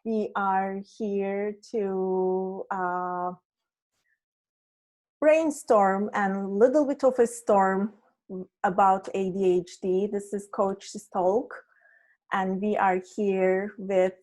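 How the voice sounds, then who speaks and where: On a casual video call, the woman hosting the online meetup is friendly and a bit hesitant; she comes from Turkey and her first language is Turkish. She talks slowly and steadily at medium pitch with a slightly mellow sound.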